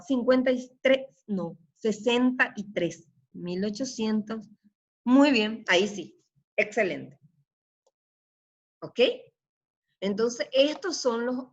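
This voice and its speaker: A woman's voice: mid-range voice, fairly bright tone. A woman teaching a remote primary school lesson. She explains patiently, checks in constantly with her pupils, and praises their answers often. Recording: slightly dull lo-fi audio.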